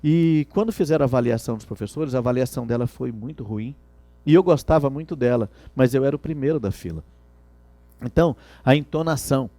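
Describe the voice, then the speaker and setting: A middle-aged man with a mellow, medium-pitched voice lectures on customer service with no room sound. This instructor teaches in a didactic way, posing rhetorical questions to the class.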